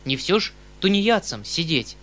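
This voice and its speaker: A man's voice: fairly high pitch, big pitch swings, unhurried, fairly bright tone. A man reading an audiobook, voicing a kindly, emotional older uncle who pleads and exclaims. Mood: resigned.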